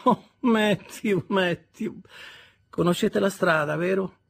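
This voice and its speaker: Rich: A sour, prim spinster speaks in a high, tart, sighing voice, as a male reader puts her on. She sounds gossipy and disapproving, with a husky edge, in a read-aloud novel. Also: moderate pace, exaggerated voice.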